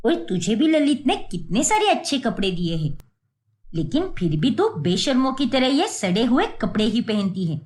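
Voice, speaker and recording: A woman voicing a sharp-tongued, bossy middle-aged mother-in-law in a cartoon, talking in a scornful, scolding way. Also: fairly high pitch, sing-song, normal speed. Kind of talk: Hindi cartoon voice acting.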